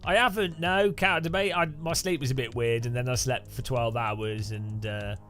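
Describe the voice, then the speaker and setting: Soft music sits under the voice of a Midlands-accented man calling a sim racing live stream. He moves at a moderate pace, bantering in a jokey, energetic way and suddenly yelping in a high pitch.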